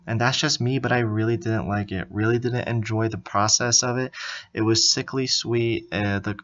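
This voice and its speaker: A man's voice: medium pitch, fairly bright tone. A young man giving an earnest, mock-formal drink review with scores, as the channel's host. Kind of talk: product review narration. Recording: slightly dull lo-fi audio.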